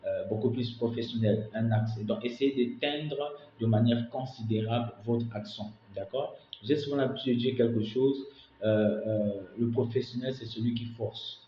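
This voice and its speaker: A man from Senegal gives a casual instructional talk on call center work, checking in with listeners often and filling pauses with hesitations. His voice sits at a middle pitch in a roomy space with a noticeable echo. The recording sounds slightly dull, with faint background noise. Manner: repeats "d'accord?" and "notamment" often, many hesitations. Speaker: call center career coach.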